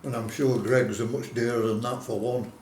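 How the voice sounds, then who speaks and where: A man giving a casual food taste-test review as a vlogger, speaking in unhurried, plain-spoken short phrases of approval. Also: medium pitch, little pitch movement, darkish tone. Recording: roomy echo, faint background noise.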